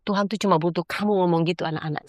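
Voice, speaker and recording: A woman's voice: lowish voice, steady tone, rapid-fire, a little mellow, no echo, studio quality. A middle-aged woman, a podcast guest, giving an earnest, preachy personal testimony and acting out her own pleas in a rising voice.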